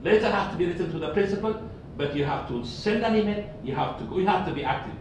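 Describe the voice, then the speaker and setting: A man's voice: high voice, expressive, quick pace. An older man from Ethiopia speaking up from the audience at a public forum, insistent and repetitive as he presses his point. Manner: emphatic, repetitive, rising insistence. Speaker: audience member asking a question. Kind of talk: impassioned public forum comment. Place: large conference room with audience. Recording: very echoey distant room recording, noisy.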